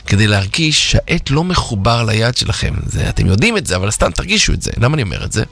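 A man runs a self-help exercise from a radio studio, talking listeners through each step. His voice rises and falls with a very lively pitch, and he teases and asks rhetorical questions as he goes. Faint music plays softly behind him. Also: vocal fry. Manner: animated, rhetorical, playfully teasing. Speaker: self-help workshop instructor.

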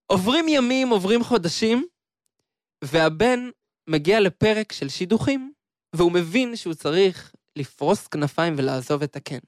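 A man preaching an impassioned sermon, telling a story and slowing down on quoted scripture. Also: sits high, lively intonation, no echo, studio quality. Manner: impassioned, slows down on quoted verses.

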